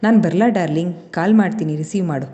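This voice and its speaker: A woman's voice: lowish voice, fast talker, mellow, lo-fi sound, natural voice. A woman voicing a leering, menacing young male stalker who uses mocking sweet talk laced with threats. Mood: mock tender. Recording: long reverb.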